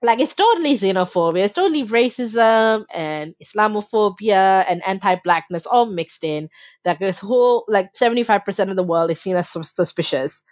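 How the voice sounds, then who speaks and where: A woman's voice: medium pitch, moderate pace, no echo. An outspoken woman from Malaysia talks as a podcast guest, emphatic and full of casual fillers. Her voice sits mid-range, recorded dry and somewhat dull, like a lo-fi home setup. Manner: animated, emphatic, frequent fillers. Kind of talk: casual interview talk.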